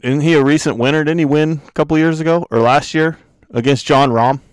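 A man's voice: fairly high pitch, fairly even intonation, fairly quick, smooth, no echo, clean studio sound. A man hosting a casual podcast chat, joking and swearing as he calls on each of his friends in turn. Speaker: podcast host.

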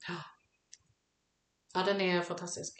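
A woman co-hosting a casual chat about songs, talking in a halting, reflective way as she searches for words. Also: on the low side, flat delivery. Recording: echoey room.

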